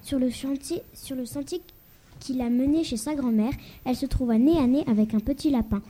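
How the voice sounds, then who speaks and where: A woman reads a children's tale aloud with a careful, steady delivery. Her voice is husky and very dark in tone, sitting a little high. It sounds like a read-aloud for a class radio show. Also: fairly quick. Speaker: school pupil reading a story on a class radio show.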